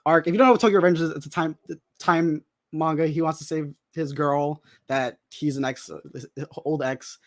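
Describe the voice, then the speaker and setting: A man chatting casually as a podcast guest, excitable and rambling, with many restarts. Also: a little high, a little fast, hardly any pauses. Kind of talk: casual chat.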